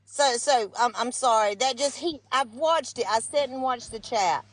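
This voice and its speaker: High-voiced, blunt Appalachian woman. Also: normal speed. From mountains of North Carolina, United States. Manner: blunt, scolding, folksy. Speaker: guest caller on a live stream. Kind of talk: casual political venting.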